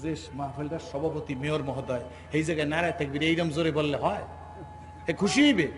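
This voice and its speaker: A man delivers a sermon to a crowd on an outdoor field, his voice sitting high. He jokes with the listeners and prods them to shout back. The public address system rings with echo, and steady background noise runs underneath. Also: a little fast. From Bangladesh. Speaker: preacher. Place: outdoor religious gathering on a school field.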